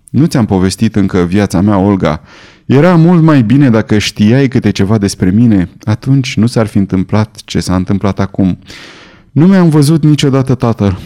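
A man's voice: lowish voice, mellow, natural voice. A man voicing a remorseful young man raised in the jungle, speaking earnestly.

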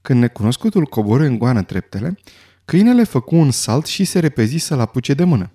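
A man narrating a story in a scripted audiobook reading, expressive and dramatic. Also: mid-range voice, slightly rough.

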